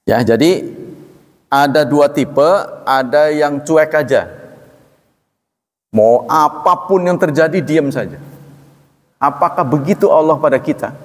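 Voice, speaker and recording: Middle-aged guy preaching casually, asks lots of questions, acts out little chats, voice a bit high, long echo from the hall. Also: measured pace, pauses often. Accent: Indonesian. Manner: animated, rhetorical questions, acts out little dialogues. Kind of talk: conversational religious lecture. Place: mosque or lecture hall.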